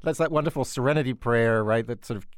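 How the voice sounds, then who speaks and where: A man's voice: mid-range voice, quick pace, smooth, no room sound, clean studio sound. A man hosting a radio talk show, asking questions in a playful, wry way. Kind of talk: radio interview conversation.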